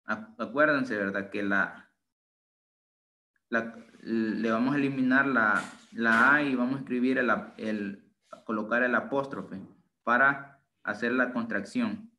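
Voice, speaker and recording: Brief: young male tutor on a video call, even middle pitch, patient and step-by-step, mixing two languages. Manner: explains slowly, switches between two languages, asks "right?". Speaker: English tutor. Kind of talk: online bilingual grammar lesson.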